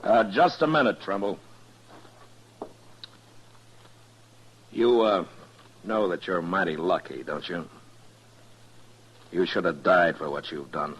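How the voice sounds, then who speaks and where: An American man playing a firm, plain-spoken, principled frontier marshal in an old-time radio western, measured in his delivery. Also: sits low, fairly bright tone, husky, muffled recording, full character voice. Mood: grim. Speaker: lead actor and narrator.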